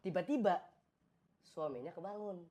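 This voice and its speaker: A woman's voice: lowish voice, normal speed, mellow, slight background noise. A woman casually telling a funny story in slang, acting out the sound effects. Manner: playful, slangy, acts out sounds.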